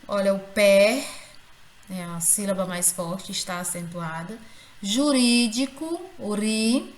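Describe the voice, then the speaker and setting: A woman's voice: mid-range voice, a bit bright, echoey room. A woman teacher giving a grammar lesson, speaking carefully and stressing syllables.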